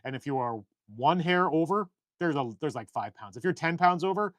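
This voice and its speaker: A man co-hosting a casual live stream from a shed workshop, talking in long rambling, animated stories. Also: fairly high pitch, normal speed, no echo. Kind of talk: casual chat.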